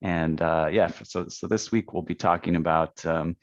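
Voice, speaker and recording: Easygoing male podcast host, very deep voice, slightly dull dry audio. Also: steady tone, normal speed, dry recording. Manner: easygoing, laughs often. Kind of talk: casual podcast chat.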